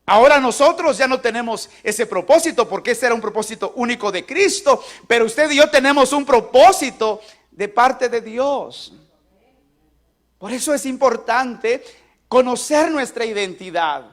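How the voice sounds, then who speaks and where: A man's voice: very high-pitched, expressive, normal speed, fairly bright tone. A man preaching a sermon as pastor, emphatic, asking the congregation to repeat lines aloud with him. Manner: emphatic call-and-response preaching.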